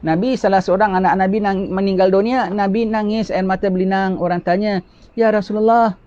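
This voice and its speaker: A religious teacher lectures in a high, darkish voice with fairly even intonation and a fairly quick pace. He explains things patiently, repeats key phrases, and raises rhetorical questions, heard through a dull lo-fi recording.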